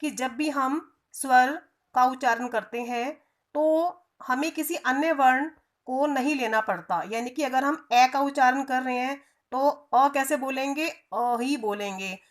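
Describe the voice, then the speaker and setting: A woman's voice: high-pitched, measured pace. A woman teaching a grammar lesson to children, often asking questions and answering them herself, and stretching out sounds to demonstrate them. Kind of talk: online Hindi grammar lesson.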